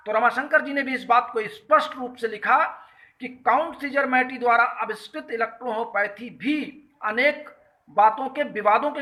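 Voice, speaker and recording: High bright-voiced man hosting a talk. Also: rough recording. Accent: Uttar Pradesh Hindi. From Uttar Pradesh, India. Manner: earnest explanatory tone, greets callers by name. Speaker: host of a health talk show. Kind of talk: live call-in talk, reading and explaining an article.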